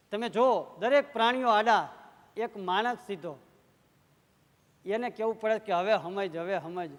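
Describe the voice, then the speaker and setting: A Gujarati comedian with a strikingly high voice, spinning folk stories before a live crowd. He jumps between voices as he acts out each exchange, playful and lively. His voice rings with the long reverb of a big venue, heard through a stage microphone. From Gujarat, India. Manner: playful storytelling, acting out dialogue with shifting tones.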